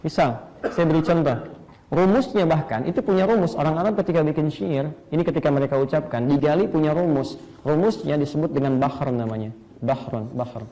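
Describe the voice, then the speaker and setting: A man preaching at a brisk pace in a slightly raised, mellow voice. He lectures with energy and breaks into chanted Arabic meters. He often checks that his listeners are following. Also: a little high, poor audio. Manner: asks audience rhetorical questions. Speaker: Islamic preacher. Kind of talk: lecture sermon.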